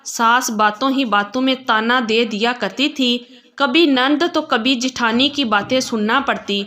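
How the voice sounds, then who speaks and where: A woman narrating an emotional story in a calm storytelling manner. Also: on the high side.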